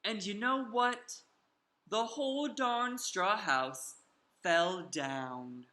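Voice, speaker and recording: A man's voice: high-pitched, very slow, bright, forceful tone, roomy sound, full character voice. A man voicing a sly, self-justifying wolf who tells his side of a children's storybook with emphatic, confiding delivery. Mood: dramatic. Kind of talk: animated children's storybook read-aloud.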